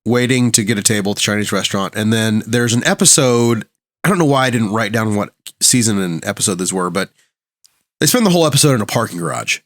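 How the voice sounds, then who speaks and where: A man co-hosting a podcast in casual chat, relaxed and amused as he shares his favorite moments. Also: on the low side, fast, dry recording. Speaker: podcast co-host.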